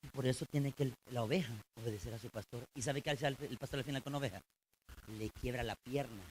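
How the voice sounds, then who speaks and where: This is a fast-talking male pastor giving an informal sermon in church, with slight background noise. Addressing the congregation head-on, he moves between booming emphasis and low, intense delivery.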